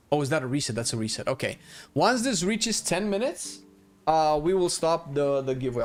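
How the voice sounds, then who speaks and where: Over faint game music, a man with a medium-pitched, darkish voice chats informally with viewers on a live game stream, letting the odd swear word slip as he plays.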